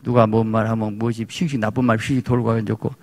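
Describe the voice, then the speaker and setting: A man's voice: lowish voice, level tone, fast talker. A male pastor with a Jeolla Korean accent preaching a sermon, exhorting his congregation with emphatic repetition.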